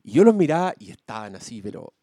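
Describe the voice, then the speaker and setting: A man with a Chilean accent telling an animated, slangy story among podcast co-hosts, swearing freely. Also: medium pitch, quick pace, dry recording, clean studio sound. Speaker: podcast co-host. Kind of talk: casual storytelling chat.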